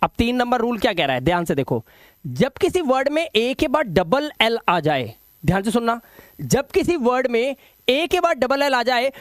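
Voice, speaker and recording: A man teaching English pronunciation rules in an online lesson, emphatic and drilling each sound slowly by repetition. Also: very high voice, sing-song, dry recording, studio quality.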